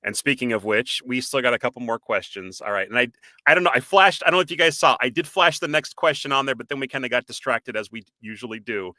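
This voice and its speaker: Lively man with a Boston accent. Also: mid-range voice, quick pace, dry recording. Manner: animated, reads out viewer comments, laughs often. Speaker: podcast co-host. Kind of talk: casual live-stream chat.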